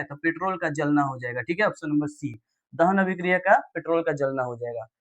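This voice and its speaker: High-voiced man rattling through exam answers. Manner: rapid question-and-answer drilling with frequent "ठीक है". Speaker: teacher. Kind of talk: exam revision lesson.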